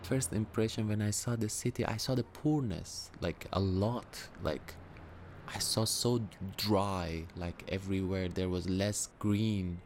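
A man's voice: on the low side, takes it slowly, a little mellow, a little hiss or hum. A man, speaking hesitant English as he tells his life story, with fillers and restarts. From Iran. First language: Farsi. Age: 30s. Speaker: interviewee, musician. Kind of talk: personal storytelling.

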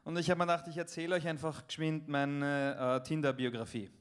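A young Viennese comic works the room from a club stage, joking loosely with the audience in his Vienna accent during a stand-up set. He speaks a little fast with a flat delivery, and his slightly high voice comes across clear and resonant.

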